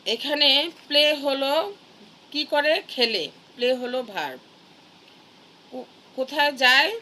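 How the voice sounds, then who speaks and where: Slow, bright-voiced Bangladeshi woman teaching. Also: sits high, animated, a little hiss or hum. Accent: Bangladeshi Bengali. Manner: slow, patient, spells words out syllable by syllable. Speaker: school English teacher. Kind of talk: recorded grammar lesson.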